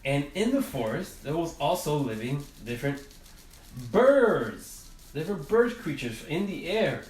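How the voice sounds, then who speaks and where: An art teacher guides a drawing lesson, spinning a gentle story while he colors. His mid-pitched voice is unhurried and halting, often restarting, with big swings in pitch. The audio sounds roomy and distant, as though the mic sits several feet away.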